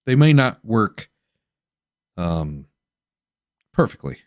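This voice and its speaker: A man hosting a casual chat on a video call, halting, with many restarts and fillers. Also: lowish voice, no echo, clean studio sound. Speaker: host.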